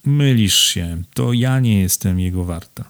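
A man reading aloud and voicing a gentle young woman who refuses softly but firmly. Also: fairly low pitch, expressive, measured pace.

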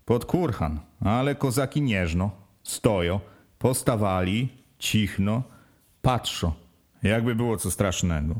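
A man's voice: fairly low pitch, animated, slow pace, a little mellow. Man reading a first-person story. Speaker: audiobook reader. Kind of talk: first-person audiobook narration.

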